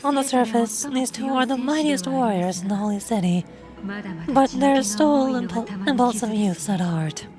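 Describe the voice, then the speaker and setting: A woman voicing a composed, stern noble leader from a video game, reading the dialogue in a measured, formal, aloof way. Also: fairly high pitch, lively intonation, music in the background, pitched below the performer's own voice, close to an everyday voice. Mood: stern, knowing.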